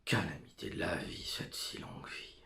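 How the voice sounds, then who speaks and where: Man performing anguished tragic soliloquist, theatrical, very slow, halting, gravelly, brooding, swinging from whispers to outbursts. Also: low-pitched, a bit bright, reverberant, heavily acted. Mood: bitter, anguished. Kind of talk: theatrical monologue recitation.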